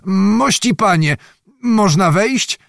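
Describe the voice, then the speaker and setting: A boastful old nobleman full of bluster, put on by a male narrator. He exclaims theatrically, his pitch leaping up high. The sound is close and dry. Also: animated, slow, gravelly, fairly bright tone, no room sound, exaggerated voice. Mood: wheedling.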